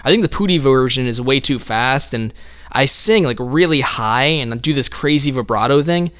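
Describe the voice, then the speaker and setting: A man's voice: mid-range voice, animated, normal speed, fairly bright tone, smooth. A man talking through his own album in casual solo commentary, laid-back and rambling, with frequent light laughs.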